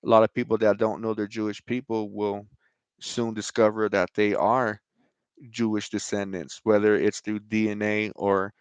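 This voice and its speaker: Here the pitch sits fairly low, with a flat, smooth delivery at a moderate pace and no room sound. The American host of an online show gives informal religious talk to camera, pressing hard on scripture and his grievances with frequent "right?" and "you know" asides.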